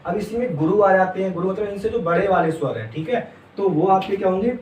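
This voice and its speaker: A man with a fairly high voice teaches a class, asking his students questions and then answering them himself. He keeps checking in after each point. He is heard from a distance in an echoey room, with a faint hum underneath. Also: quick pace, a little mellow. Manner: uses "theek hai" constantly as a check-in. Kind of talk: classroom lesson on Hindi vowels.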